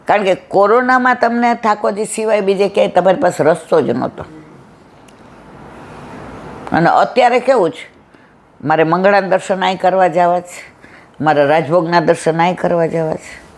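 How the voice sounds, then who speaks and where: A woman's voice: lowish voice, moderate pace, long pauses. A middle-aged woman giving a devotional satsang talk, telling stories and acting out both sides of conversations. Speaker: satsang speaker.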